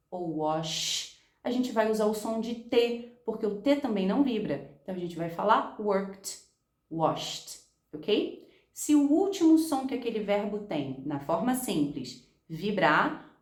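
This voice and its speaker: Slow, patient Brazilian woman teaching. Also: medium pitch, reverberant. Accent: Brazilian Portuguese. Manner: patient, repeats sounds slowly, checks in with "ok?". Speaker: English teacher. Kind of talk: explaining pronunciation rules.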